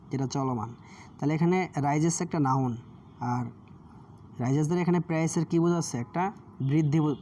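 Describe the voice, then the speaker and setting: A man with a Bangladeshi accent teaching English grammar over a screen share, often checking in with his listeners and reading English examples slowly. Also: a little high, dark tone, slight background noise. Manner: explanatory, frequent "ঠিক আছে?" check-ins, reads English examples slowly.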